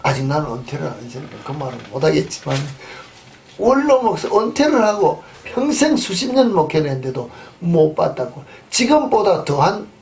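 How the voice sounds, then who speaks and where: A male pastor preaching a sermon and telling a story, swinging between loud emphatic bursts and quiet asides. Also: a little high, very animated, normal speed, vocal fry. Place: church sanctuary. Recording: distant mic with faint background noise.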